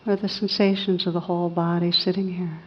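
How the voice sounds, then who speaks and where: Female meditation guide: low, very even, husky voice, soothing and unhurried, muffled recording in a reverberant hall. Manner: soothing, unhurried, with long pauses between short phrases. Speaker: meditation teacher.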